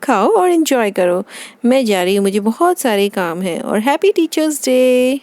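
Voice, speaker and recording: A busy mother fusses over her children in fussy, motherly chatter. Her voice sits a little high, and the recording is close and dry. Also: big pitch swings, moderate pace, darkish tone, no echo. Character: Barbie as a busy, caring mother. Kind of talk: toy doll play voice-over.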